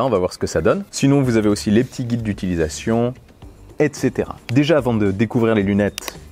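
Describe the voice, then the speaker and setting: A man's voice: mid-range voice, darkish tone, a little hiss or hum. A man with a French accent, chatting through a casual unboxing vlog outdoors next to a road, recorded on a lapel mic. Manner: chatty and playful, musing aloud. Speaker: tech vlogger.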